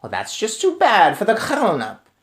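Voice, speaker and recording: A woman's voice: mid-range voice, huge pitch swings, normal speed, slight background noise, voice pushed up. A woman voicing a cruel, commanding witch leader who barks orders in a storybook reading. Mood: imperious. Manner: imperious, barking orders.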